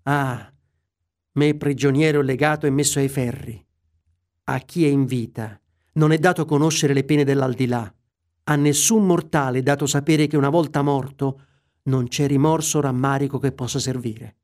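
A man's voice: medium pitch, steady tone, normal speed, a little mellow, natural voice. A man voicing the tormented, chained ghost of a dead business partner, grave and lamenting.

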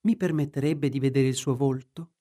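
A man voicing a composed, courteous middle-aged lawyer in a measured tone. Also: medium pitch, steady tone, mellow, natural voice.

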